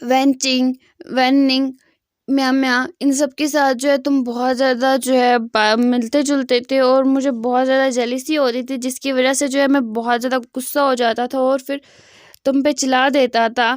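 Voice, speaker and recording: Nervous young male boss confessing, earnest and hesitant, high-pitched, read by a woman, dry close sound. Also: little pitch movement, moderate pace, smooth, dry recording, lightly acted.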